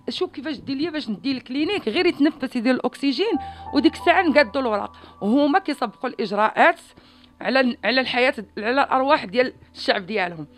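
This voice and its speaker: A Moroccan woman, the daughter of a patient who died, giving a rapid, urgent and grieving complaint to a news camera. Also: sits high. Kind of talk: emotional testimony to a news camera.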